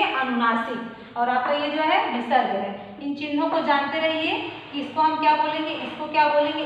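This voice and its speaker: A woman's voice: high-pitched, bright, forceful tone. A woman teaching a grammar lesson to children, asking questions and answering them herself. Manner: calls the pupils "child" and repeats key terms. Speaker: school teacher. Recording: very echoey room, faint background noise.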